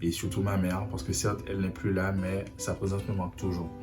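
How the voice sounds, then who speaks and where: Faint guitar music plays behind this personal video message from a young vlogger from Haiti. He talks earnestly to camera in a low-pitched, level, brisk voice, frequently repeating himself to press his point.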